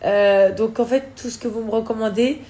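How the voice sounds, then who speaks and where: A woman's voice: fairly high pitch, normal speed, warm tone. A woman with a lisp on her s sounds, chatting casually to her followers as she films stories on a phone. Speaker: vlogger filming social media stories.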